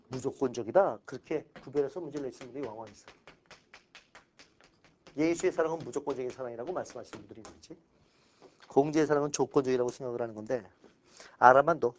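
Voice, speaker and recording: Animated male lecturer, casual and blunt. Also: on the high side, slight background noise. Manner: animated, mixes sharp outbursts with dry asides. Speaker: exam-prep ethics lecturer.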